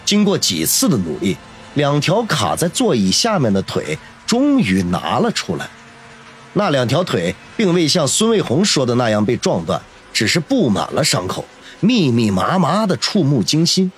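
A man narrating a novel in a dramatic, expressive storytelling voice. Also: medium pitch, normal speed, slight background noise. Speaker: audiobook narrator.

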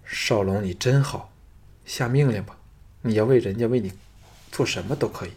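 A man's voice: fairly low pitch, unhurried, slightly rough, full character voice. A man voicing a lovesick young noblewoman who begs and pleads breathlessly. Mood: pleading. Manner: breathless, imploring.

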